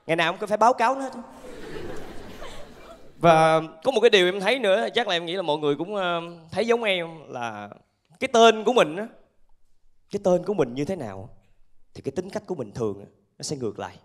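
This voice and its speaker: A man with a southern Vietnamese accent performing animated stand-up storytelling to a live audience through a handheld microphone. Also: high-pitched, fast, pauses often. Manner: animated storytelling with acted-out asides. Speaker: stand-up comedian. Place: theatre stage with laughing audience.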